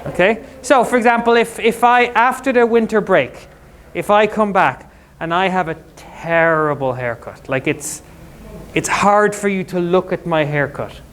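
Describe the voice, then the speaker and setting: A male English teacher in a school classroom, explaining words to students with quick, jokey everyday examples. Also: high-pitched, fairly bright tone, slight background noise.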